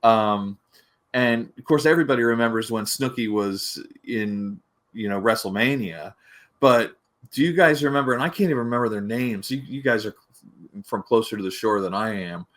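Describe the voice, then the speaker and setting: A man's voice: fairly low pitch, normal speed, a bit bright. A man talking casually on a podcast, rambling with many restarts and a grumbly edge. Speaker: podcast panelist.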